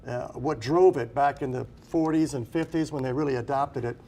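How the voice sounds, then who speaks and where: A man's voice: medium pitch, normal speed, dark tone, slight background noise. A man giving unscripted live election analysis in a conversational way, correcting himself as he works through his thoughts. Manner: conversational, hesitant phrasing with self-corrections.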